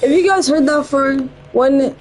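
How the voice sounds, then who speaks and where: A woman's voice: sits high, a little slow, a little mellow, rough recording. A woman giving casual gameplay commentary, rambling with blunt, opinionated asides. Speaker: gameplay channel host.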